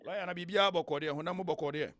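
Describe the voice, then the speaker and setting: A man's voice: on the high side, quick pace, background noise. A man with a Ghanaian accent hosting a radio current-affairs interview, code-switching into English phrases with emphatic, repetitive phrasing. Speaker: radio host. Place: radio studio. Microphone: close studio microphone.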